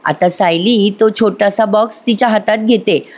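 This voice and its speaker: A woman narrating a lively voice-over recap of a TV serial episode, acting out each character's lines. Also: medium pitch, normal speed. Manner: lively storytelling, acts out every character's lines. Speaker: TV serial reviewer.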